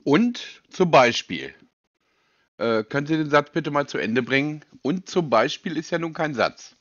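A man's voice: a little high, expressive, unhurried, fairly bright tone, no room sound. A man with a native German accent, questioning bluntly and pedantically as a customer on a phone call. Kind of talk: probing phone conversation. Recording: dull, lo-fi phone audio.

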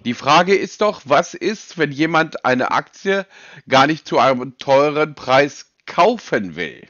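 A man's voice: a little high, expressive, takes it slowly, a bit bright, dry recording. A man with a native German accent, questioning bluntly and pedantically as a customer on a phone call. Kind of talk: probing phone conversation. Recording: dull, lo-fi phone audio.

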